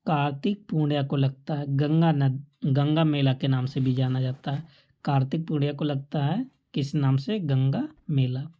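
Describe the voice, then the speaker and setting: A woman's voice: low-pitched, moderate pace, lo-fi sound. A woman teaching an exam-prep lesson, asking questions and answering them herself while repeating the key facts to memorize. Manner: quizzes listeners and answers her own questions.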